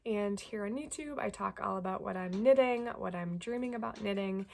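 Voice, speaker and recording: A young woman from Greater Portland, Maine, stuffy-nosed from a cold, chats casually to camera about her knitting as a podcast host. She's friendly and chatty with lots of ums, speaking at a normal speed in a mid-range, gravelly voice.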